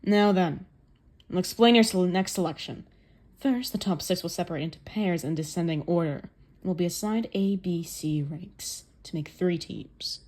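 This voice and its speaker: A woman's voice: on the low side, normal speed, darkish tone, close to an everyday voice. A woman voicing a stern, scheming male football coach who speaks in a cold, blunt, commanding way during a manga reading.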